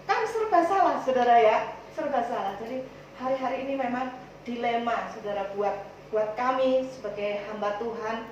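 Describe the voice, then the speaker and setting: A high-pitched woman pastor with an East Javanese accent, talking chattily to her congregation and slipping into little acted-out conversations. She is heard from a distance in a strongly echoing church hall, the sound a bit dull, with faint room ambience behind her. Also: animated, normal speed, a little hiss or hum. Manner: chatty, addresses listeners as "saudara" constantly, acts out dialogues. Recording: echoey church hall from far off.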